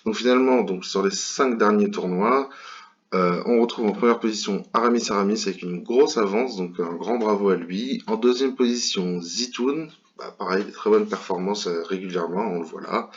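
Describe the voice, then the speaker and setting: A man's voice: lowish voice, moderate pace, lo-fi sound. A man from France commentating an online bridge tournament in a casual, hesitant way, with many fillers and restarts.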